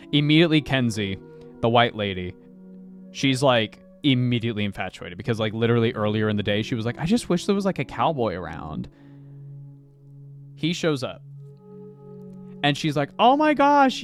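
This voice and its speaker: A man with a medium-pitched voice streams live as he paints miniatures, chatting casually and swearing freely, breaking into sudden loud bursts of excitement.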